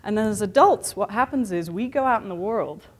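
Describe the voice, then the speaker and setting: Giving a motivational keynote in a hotel conference room, a woman speaks fairly quickly at medium pitch with lively intonation. Her accent is a mix of influences, since she was born in the United States and grew up in Europe and Asia. Her manner is chatty and candid, full of fillers like "sort of" and "you know."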